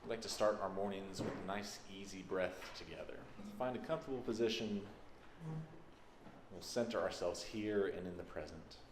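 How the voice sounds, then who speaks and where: With a low-pitched voice at normal speed, a minister from Texas chats informally to his congregation as he welcomes them to the service. The large church sanctuary makes the recording echoey, and background noise is present.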